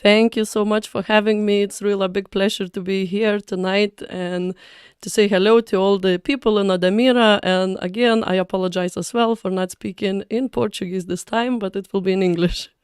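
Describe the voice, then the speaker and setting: A woman's voice: mid-range voice, steady tone, normal speed, clear, resonant tone, no echo, studio quality. A woman from Lithuania, a native Lithuanian speaker, talking in English as a podcast guest and choosing her words carefully with small fillers. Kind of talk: casual interview talk.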